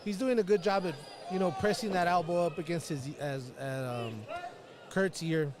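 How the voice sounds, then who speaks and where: A man's voice: fairly high pitch, normal speed. A man giving live commentary on combat sports as a fight commentator. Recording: live event with crowd behind. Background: crowd noise.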